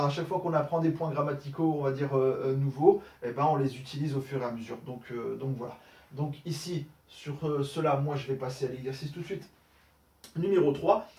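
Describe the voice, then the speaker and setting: The speaker is a man correcting Arabic grammar exercises in French, one step at a time, full of fillers and regular checks for understanding. He sounds on the high side and darkish, and being far from the mic in an echoey room puts him somewhat off-mic.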